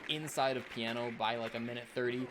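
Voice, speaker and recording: Guy casting esports play by play, talks really fast, noisy recording w/ clicks. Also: mid-range voice, fairly even intonation. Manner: esports caster delivery, running account of the action.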